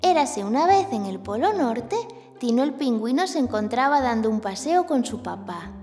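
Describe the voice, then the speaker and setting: A woman's voice: on the high side, very animated, normal speed, darkish tone, big-room sound, faint music behind. A woman telling a scripted story for young children in the manner of a kids show host.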